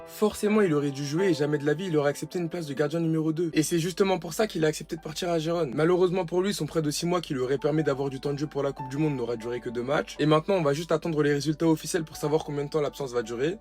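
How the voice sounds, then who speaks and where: A man talks fast and emphatically, laying out strong opinions on football in a slightly higher voice. Faint music plays behind him. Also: a little mellow. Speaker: football commentator. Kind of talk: casual football commentary.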